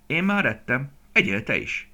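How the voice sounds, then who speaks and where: A man voicing an eager young male roe deer fawn in a storybook, raising his voice high and calling out excitedly. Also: full character voice. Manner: excited, high-pitched calls.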